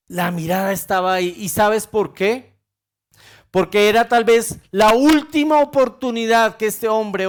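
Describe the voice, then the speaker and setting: A man preaching a sermon with passion, swinging between loud urgent calls and quiet low remarks.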